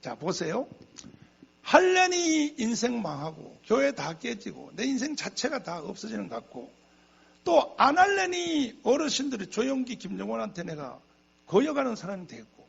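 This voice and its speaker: A man's voice: extremely high pitch, normal speed, gravelly, husky, lo-fi sound. A male pastor preaching a sermon, telling stories with emphatic repetition and chuckling asides. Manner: emphatic, repeats phrases for effect; animated storytelling with chuckling asides. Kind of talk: sermon to a congregation.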